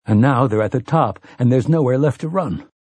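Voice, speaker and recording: A husky-voiced man reads a dark fantasy audiobook with measured, intense pacing. His mid-range voice sits close to the mic, completely dry with no room sound. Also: medium pitch, no room sound. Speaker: audiobook narrator. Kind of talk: scripted dramatic narration.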